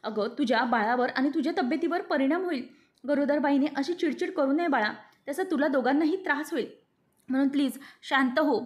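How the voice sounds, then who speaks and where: A woman's voice: high-pitched, a little fast, pitched above the performer's own voice, lightly acted. A woman reading aloud the lines of a scheming older mother-in-law who pretends to be kind, in a sugary, imploring tone.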